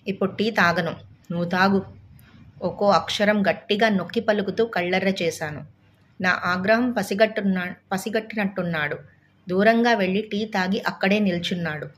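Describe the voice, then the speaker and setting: A woman narrating a Telugu short story as an audiobook, with steady, measured reading. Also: mid-range voice.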